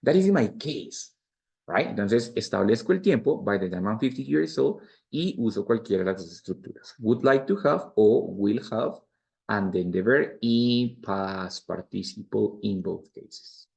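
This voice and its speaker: A man's voice: on the low side, expressive, moderate pace, creaky, darkish tone. A man in his forties with a Spanish accent, teaching an English grammar lesson and explaining each structure patiently, step by step, with repeated examples. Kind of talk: bilingual grammar lecture.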